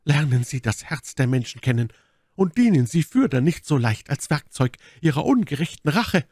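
A proud, scheming noblewoman, as a male reader puts her on speaks in a lifted, dramatic voice full of wide swings of pitch. She pleads and accuses with theatrical force. The audiobook sound is dry and close. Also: very animated, moderate pace, darkish tone, no echo. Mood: indignant.

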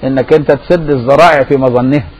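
A man's voice: mid-range voice, fairly even intonation, very fast, darkish tone, slightly rough, highs cut off. A man with an Egyptian accent giving a religious lesson, conversational and often checking his listeners' understanding with rhetorical questions. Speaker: Sufi scholar teaching a lesson.

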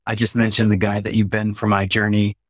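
A man in his forties hosting a virtual conversation, speaking earnestly and warmly about his work and his guest, close to a webcam in a small room. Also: fairly low pitch, completely flat delivery, fairly quick, husky, no echo. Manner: earnest, heartfelt, flowing. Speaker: interviewer and peacemaking trainer. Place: small room with curtained window. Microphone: phone or webcam close up.

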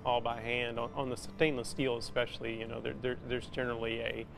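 Wearing a lapel mic in a big indoor metalworking shop, a forties-aged sculptor reflects on his craft for a documentary, stumbling along with frequent "you know"s and other casual fillers. His delivery is flat, his voice mid-range and gravelly, and instrumental music plays in the background.

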